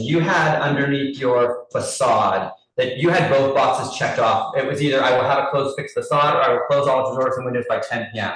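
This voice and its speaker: A man chairing a public committee meeting over a group video call, briskly reading out license terms and calling a vote. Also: mid-range voice, fairly bright tone. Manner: brisk, businesslike, reads lists with small restarts. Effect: heard over a group video call. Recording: very roomy echo from a distant mic, faint noise.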